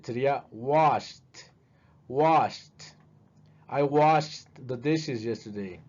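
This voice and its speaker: Man, language teacher, slow and deliberate, drills words by repeating them, muffled lo-fi sound. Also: mid-range voice, mellow. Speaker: English teacher. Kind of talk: video lesson. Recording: dull, lo-fi recording.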